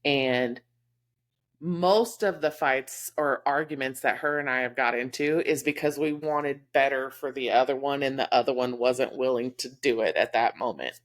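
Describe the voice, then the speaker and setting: A woman with a Texas accent and a very low, deep voice talks in an easy podcast chat. She speaks candidly and from the heart, with plenty of "um" and "you know" as she thinks aloud. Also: moderate pace. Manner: candid, heartfelt, lots of fillers. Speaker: podcast co-host. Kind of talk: casual chat.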